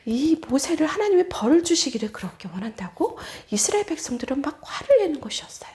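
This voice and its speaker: A woman's voice: sits high, sing-song, fast talker, warm tone. A woman evangelist giving a children's sermon, telling the story with animation and asking the children questions.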